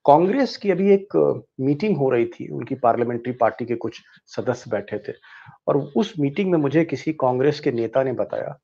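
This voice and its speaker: A man's voice: fairly high pitch, highs cut off. Man hosting a political panel, probing questions. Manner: poses pointed rhetorical questions, relays what insiders told him. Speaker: host.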